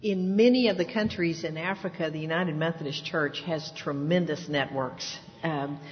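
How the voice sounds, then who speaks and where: A woman bishop answers a panel question in a very low voice, steady and informative. Her words hang in a long hall reverb. The recording is muffled and lo-fi. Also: normal speed. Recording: reverberant hall, dull lo-fi sound.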